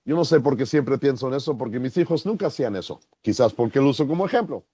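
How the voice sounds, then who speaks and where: A man who is a pastor, teaching an online Bible class slowly and deliberately, acting out little examples as he goes. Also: breathy edge, no echo. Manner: slow, deliberate teaching with lively pitch and acted-out examples.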